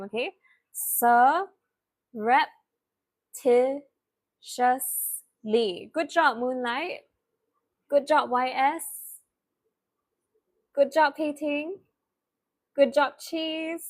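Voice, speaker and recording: A young woman leads a live online spelling lesson, cheerfully praising students by name. Her voice sits high, and she talks at an easy, unhurried pace, drawing words out slowly when she spells them. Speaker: online tutor.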